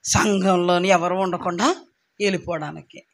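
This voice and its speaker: Very high-pitched, bright male preacher. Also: fairly even intonation, moderate pace, gravelly. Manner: preaching with many rhetorical questions to the congregation; emphatic, repeating phrases for stress. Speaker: pastor. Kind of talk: sermon.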